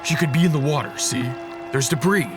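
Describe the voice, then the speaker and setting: An actor playing Dracula, an earnest, commanding vampire leader, in a serialized radio drama with grave, measured speech. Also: male voice, on the high side, lightly acted. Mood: grave, calm. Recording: loud music bed behind voice.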